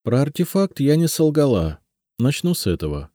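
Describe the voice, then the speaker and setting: A man's voice: mid-range voice, very animated, normal speed, warm tone, no echo, studio quality, voice pushed up, natural voice. A man voicing a young female healer who speaks earnestly and pleads, in an audiobook.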